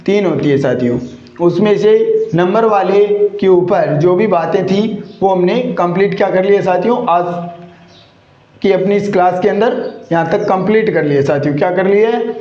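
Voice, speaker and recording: A male English grammar teacher lectures at a rather high pitch. He keeps asking rhetorical questions and repeating the answers, drilling every point. The recording is muffled and echoey. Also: darkish tone. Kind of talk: classroom lecture.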